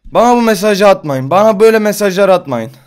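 Young male vlogger, high voice, exasperated rant full of curses. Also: animated, quick pace, clean tone. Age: 20s. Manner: exasperated, ranting, swearing, repeats himself. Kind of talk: casual ranting vlog.

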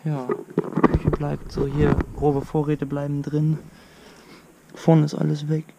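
A man's voice: a little high, completely flat delivery, slow pace. A young man, a student, vlogging casually outdoors and thinking aloud with fillers. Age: young adult. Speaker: travel vlogger. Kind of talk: casual vlog commentary. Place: outdoors by a lake, later beside a van. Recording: outdoor recording with clear noise. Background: clear outdoor noise.

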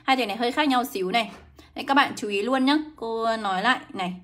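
A young woman teaching English in a live online lesson, brisk and coaxing, greeting viewers by name. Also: a little high. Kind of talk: livestream lesson.

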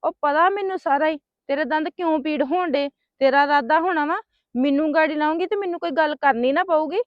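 A woman's voice: sits high, fairly quick, no echo, natural voice. Woman playing a hot-tempered scolding niece. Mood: angry scolding. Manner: sharp, scolding, ranting. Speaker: angry niece heading to confront her sister-in-law. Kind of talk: amateur family drama skit. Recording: dry, dull lo-fi sound.

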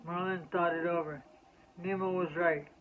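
A man reading a children's bedtime story aloud in a slow, measured way. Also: sits high, steady tone, a little hiss or hum. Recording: tinny lo-fi phone-like audio.

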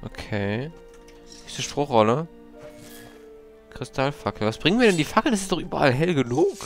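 A young man casually commenting while he plays a video game, chatty and prone to startled, high-pitched outbursts. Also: big pitch swings, moderate pace, soft background music. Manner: chatty, exclaims and jumps to high-pitched yelps when startled. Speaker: let's play gamer.

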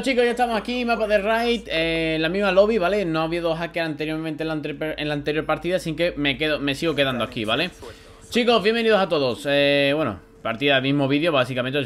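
A young man with a Spain Spanish accent doing live gameplay commentary, excitable and grumbling, swearing when frustrated. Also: a little high, a little hiss or hum. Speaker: gaming YouTuber.

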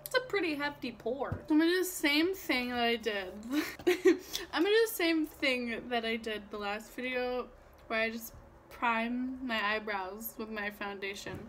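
A tipsy, giggly young woman in her twenties chats brashly and swears while doing her makeup for a vlog, her high voice expressive and fairly bright at normal speed. She's in a small room at home, recorded noisily on a built-in camera mic at arm's length.

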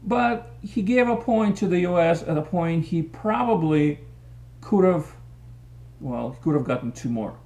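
A middle-aged soccer commentator speaks to a desk webcam in a small room, giving an opinionated post-match analysis with gestures to illustrate tactics. His slightly high, darkish voice has lively intonation and vocal fry, and he takes his time.

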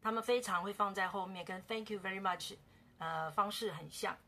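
Woman language teacher, bright and a bit gravelly, casual beginner lesson, repeats words slowly. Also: mid-range voice, fairly even intonation.

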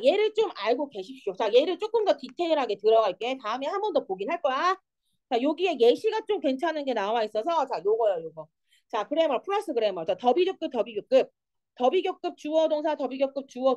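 Young woman teacher, high voice, very animated, grammar lesson, checks in with students often. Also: fairly quick. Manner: lively, keeps checking understanding with students. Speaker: English teacher.

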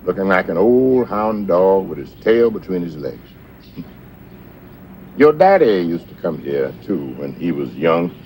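An older actor playing a patient, wise grandfather in a film drama, counselling his grandson in a gentle, steady way. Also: deep voice, slow, slight background noise, heavily acted. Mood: gently counselling. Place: outdoors by a porch.

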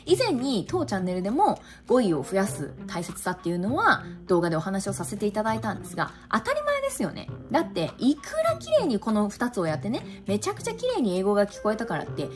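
A woman's voice: medium pitch, fast, hardly any pauses. A woman teaching pronunciation in a video lesson, emphatic and speaking straight to viewers. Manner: lively, emphatic, addresses viewers directly. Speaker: English teacher. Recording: background music under voice.

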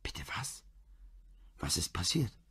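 A man voicing a caring woman, a doctor and wife, who speaks gently and pleadingly. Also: low-pitched, animated, moderate pace, vocal fry, husky, heavily acted.

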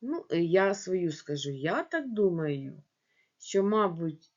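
A woman teaching young children in a video lesson, dictating words slowly syllable by syllable and speaking to the class directly. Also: lowish voice. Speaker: primary school teacher. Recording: dull lo-fi home recording.

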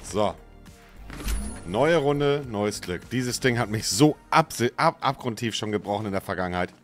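A man in his thirties doing casual live gaming commentary into a close mic, with slangy swearing and frustrated exclamations, swinging between muttering and shouting. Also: on the low side, lively intonation, normal speed, faint music behind. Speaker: livestreamer playing a video game. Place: small dim indoor streaming room. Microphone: close studio microphone on arm, headset.

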